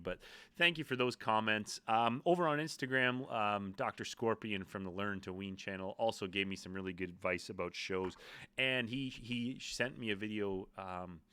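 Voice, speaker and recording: A man's voice: on the low side, bright, forceful tone, no echo. A man hosting a casual vlog, talking to camera in a rambling, self-deprecating way with many asides. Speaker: YouTube host.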